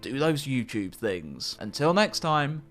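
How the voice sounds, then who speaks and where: Lively male lore narrator over music. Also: medium pitch, a little slow. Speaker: video narrator. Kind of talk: scripted game lore narration. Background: background music.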